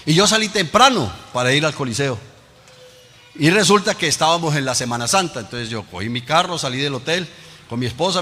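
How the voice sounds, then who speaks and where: A man's voice: fairly high pitch, sharp tone. A man preaching a Pentecostal sermon as pastor, telling a story and calling on the congregation to repeat after him. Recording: long hall reverb.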